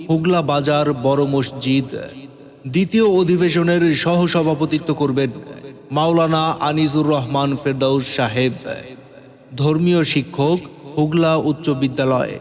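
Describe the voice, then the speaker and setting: A man with a Bangladeshi accent reads a formal scripted announcement for a religious gathering in a declamatory, drawn-out, chanting delivery. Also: a little high. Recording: long echoing reverb, music behind.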